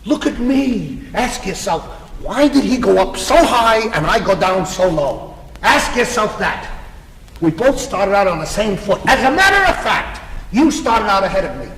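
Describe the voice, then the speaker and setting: A man's voice: sits high, very animated, a little slow, a bit bright, slight background noise, full character voice. A man acting a boastful, competitive self-made businessman in a stage comedy, bragging theatrically in long lists. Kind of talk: stage comedy cast recording. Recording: echoey theater with long reverb.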